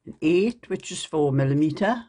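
An older woman with a Geordie accent sits at her home table at night under a lamp, showing off a shopping haul and explaining it step by step. As a shopping vlogger doing casual show-and-tell, she speaks in a low, mellow, animated voice at normal speed.

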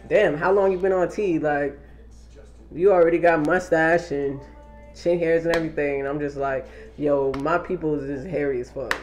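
In this casual vlog update, a young man talks to a camera held at arm's length inside a small wood-paneled room. He's laid-back, slangy, and swears freely. His pitch sits on the high side and his tone is darkish.

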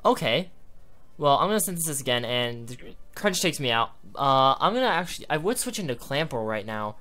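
A man talking through an online game battle, hiccuping now and then as he goes. His voice is smooth and clean, sitting at a middling pitch. He muses aloud about each move in a loose, rambling way. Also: big pitch swings, normal speed, bright, forceful tone, soft background music. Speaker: gaming YouTuber. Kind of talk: live battle commentary.

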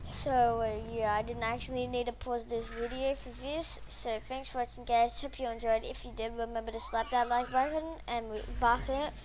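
A woman giving casual gameplay commentary, rambling and excitable, full of fillers. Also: a little high, moderate pace, hardly any pauses, background noise.

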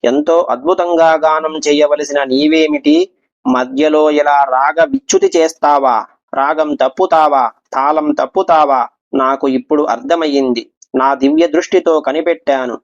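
Angry serpent king, voiced by a male storyteller, scolding, higher-pitched, lo-fi sound. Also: a little slow. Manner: scolding, accusing. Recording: dull lo-fi recording.

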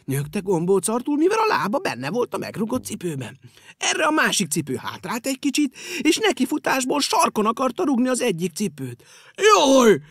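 Animated male storyteller reading a children's tale. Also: extremely high pitch, dry recording, clean studio sound. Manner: animated and playful. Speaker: audiobook narrator.

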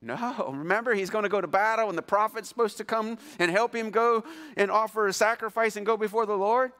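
Pastor guy preaching, kinda high voice, gets loud then drops real quiet, acts out the bible bits. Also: brisk. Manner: animated preaching, swings from loud to hushed; acts out biblical voices mid-sermon. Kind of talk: sermon.

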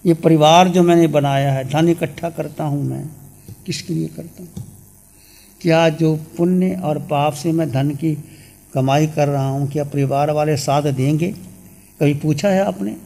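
Gravelly-voiced older man preaching. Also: fairly high pitch. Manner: questioning, exhorting, then slow calm meditation guidance and chanting. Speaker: Jain monk giving a discourse. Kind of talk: sermon and guided meditation.

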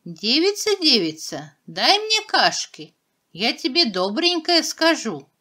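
Female narrator as fairy-tale mouse, small, helpful, warning, animated yet unhurried. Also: sits high, exaggerated voice. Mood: coaxing.

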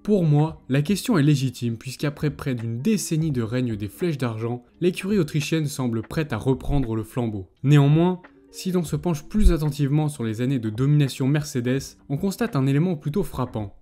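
Male YouTube narrator, mellow tone, measured explanatory read over faint music. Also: medium pitch, animated. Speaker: YouTube F1 commentator.

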